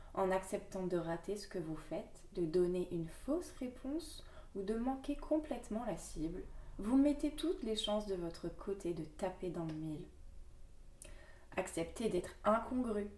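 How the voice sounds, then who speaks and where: Soft-spoken woman reading oracle cards. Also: medium pitch. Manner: gentle, unhurried, musing asides with fillers. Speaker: card reader. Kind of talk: reading oracle cards aloud with casual asides. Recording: echoey room, voice from a distance.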